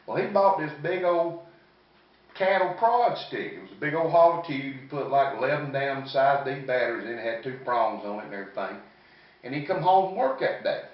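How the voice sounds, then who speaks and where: A Southern US man in his fifties, a comedian, does stand-up storytelling that is folksy, rambling and salty-tongued. His medium-pitched voice is expressive and brisk, captured in an echoey, distant, muffled room recording.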